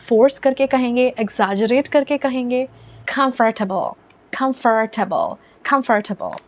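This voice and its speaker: A woman with an Indian accent, explaining English pronunciation in a scripted lesson and slowing down to model words. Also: high voice.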